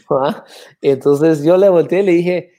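A Guatemalan man with a dark, mellow voice and a Guatemalan Spanish accent. He tells his story as a podcast guest in a casual, animated way, stumbling through restarts and fillers. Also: a little high. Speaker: brewery founder, podcast guest. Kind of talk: casual interview talk.

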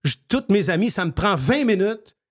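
An older man with a Quebec French accent, a guest telling stories in animated, casual radio chat with many fillers. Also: high-pitched, moderate pace.

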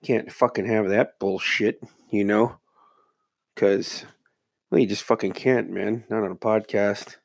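A man's voice: fairly low pitch, fairly even intonation, measured pace, vocal fry. A man hosting a casual solo podcast, congested and muffled from being sick, rambling along in a laid-back way with plenty of swearing. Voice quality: muffled, congested, stuffy-nosed. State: under the weather with a stuffy nose and slight cough. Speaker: podcast host.

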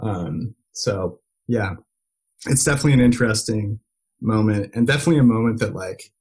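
Speaking a little fast, a male interview guest with roots in the United States and Belgium spins casual anecdotes full of "like" and restarts. His lowish, darkish voice carries a breathy edge, and the recording quality is poor.

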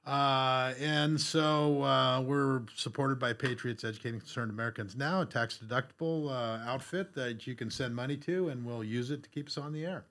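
A man's voice: mid-range voice, normal speed, hardly any pauses, fairly bright tone. A man hosting a podcast in a casual, rambling way, with lots of fillers and restarts. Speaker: podcast host.

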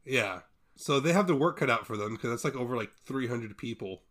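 A young man in his twenties co-hosts a podcast, his mid-range voice fairly bright, lively in intonation and fairly quick. The chat is casual and jokey, full of playful pomp in mock titles.

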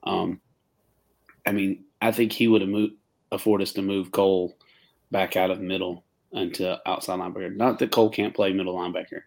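Very deep, gravelly-voiced male podcast guest. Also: flat delivery, a little fast, darkish tone. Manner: easygoing, hesitant with many fillers. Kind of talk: casual sports podcast chat.

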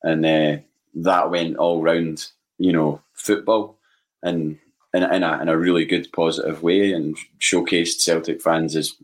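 A Scottish man in his forties talking casually about football in a halting, repetitive way as a podcast panellist. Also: deep voice, steady tone. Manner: halting, repeats words.

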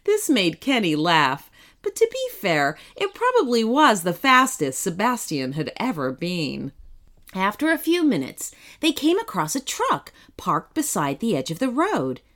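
A woman narrating a children's story in an expressive, animated storybook reading. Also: mid-range voice, measured pace.

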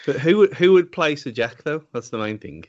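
A man co-hosting a casual football podcast, forthright and quick to laugh. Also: on the high side, lively intonation, darkish tone, muffled recording, a little hiss or hum. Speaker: podcast co-host.

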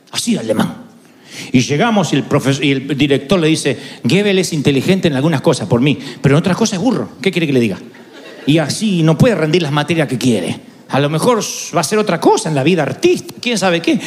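A man preaching with an Argentine accent, telling a funny personal story and playfully acting out the voices in it. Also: fairly high pitch. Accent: Argentine Spanish. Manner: playful, acts out voices in anecdotes. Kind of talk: humorous storytelling sermon.

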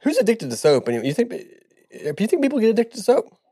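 A playful man trading dad jokes on a podcast, his voice a bit higher than most and very lively in pitch. He teases and giggles as he talks, and the sound is dry and close. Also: fast talker, husky, no room sound. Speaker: podcast co-host.

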